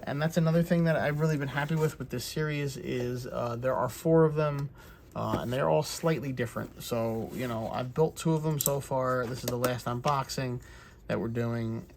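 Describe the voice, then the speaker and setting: A man of mid pitch talks through a craft kit unboxing in a relaxed, chatty way, filling pauses with plenty of "uh" and "um". A faint hiss of noise sits under his voice. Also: vocal fry. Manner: relaxed, chatty, many fillers. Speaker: crafts channel host. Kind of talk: casual unboxing walkthrough.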